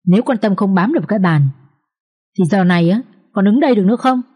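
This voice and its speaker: A woman's voice: medium pitch, fast, husky, close to an everyday voice. A woman voicing a harsh, domineering old matriarch. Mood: stern. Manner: scolding, imperious, shouting threats.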